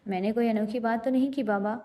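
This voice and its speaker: A woman voicing a stern, brooding young man who speaks calmly but commands. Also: on the high side, long reverb tail, natural voice. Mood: firm.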